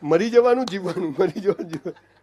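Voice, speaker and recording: A middle-aged man with a Gujarati accent delivers an emphatic motivational speech to an audience, frequently calling them "saheb" and "boss." His voice is high and mellow, he talks fast, and the recording sounds muffled.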